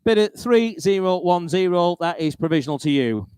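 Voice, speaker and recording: A man's voice: high-pitched, lively intonation, moderate pace, darkish tone, clear, resonant tone, no room sound. A British man working as an auctioneer, calling lots and repeating bids in a rolling chant, with informal, chatty asides.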